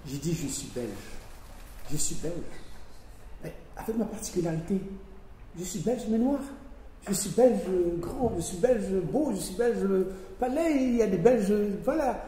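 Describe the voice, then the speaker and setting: A man's voice: high voice, lively intonation, unhurried, warm tone. A man speaking as an author to an audience, emphatic, repeating his phrases and acting out little dialogues. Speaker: author speaking at a public event. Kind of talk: spontaneous talk to an audience. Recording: echoey hall, voice from far off, faint noise.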